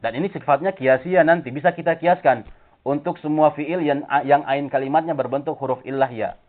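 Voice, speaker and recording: A man with a fairly high voice leads a grammar lesson, walking through each rule and stopping to ask the class whether it is clear. The recording is thin and phone-like, squeezed into a narrow band. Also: fairly quick. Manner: explains step by step, checks the class with "paham?" and "jelas?". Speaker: Arabic grammar teacher. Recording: tinny phone-like audio.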